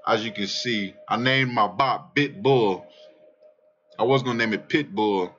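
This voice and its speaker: A man with a bright, forceful voice rambles over his trading charts, swearing freely and cutting his sentences short. The sound is dull and lo-fi, like a cheap home mic. He speaks at a medium pitch, loose and excitable. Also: a little slow, breathy edge, soft background music. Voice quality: calls his own voice aggressive. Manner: brash, profane, excitable, trails off mid-sentence. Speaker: crypto trading vlogger. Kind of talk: casual rambling chart commentary.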